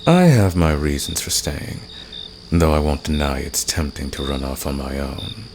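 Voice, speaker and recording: A man acts out a seductive fantasy villain in an intimate ASMR audio roleplay, with crickets and insects clearly audible behind him. His voice is extremely low and gravelly. He teases and flirts softly, with a caring streak underneath. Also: expressive, moderate pace. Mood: teasing, flirtatious. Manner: teasing, seductive, soft-spoken. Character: flirtatious, teasing male fantasy villain, secretly caring rebel. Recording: noisy, with nighttime crickets and insects. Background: cricket and insect night ambience.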